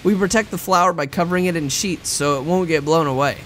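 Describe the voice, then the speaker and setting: A person reading visual novel narration aloud in a somewhat halting way. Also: medium pitch, a bit bright, a little hiss or hum. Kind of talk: live read-aloud of visual novel script, narration and dialogue.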